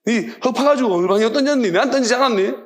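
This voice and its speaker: A preacher voicing a stern, scolding God. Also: male voice, extremely high pitch, very fast. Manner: blunt, rough rebuking.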